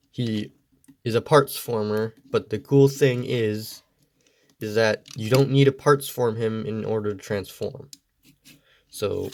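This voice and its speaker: A man's voice: fairly low pitch, darkish tone. A man with a stuffy, congested voice giving a casual, meandering toy review. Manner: easygoing, meandering explanations.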